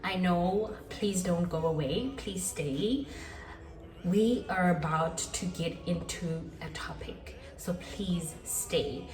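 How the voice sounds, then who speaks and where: A young woman in her twenties chats casually to her viewers, her voice sitting a little low. She is self-deprecating and repeats her points for emphasis. The sound is roomy and echoey, and she sits back from the mic. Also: a little mellow, far from the mic. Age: 20s. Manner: chatty, self-deprecating, with quick laughs and repetitions. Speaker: channel host. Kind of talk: casual talking-head vlog.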